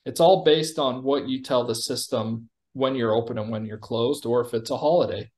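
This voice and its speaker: Presenting software like a company executive, a man walks through a conversational product demo on a video call. He speaks at medium pitch and a normal speed.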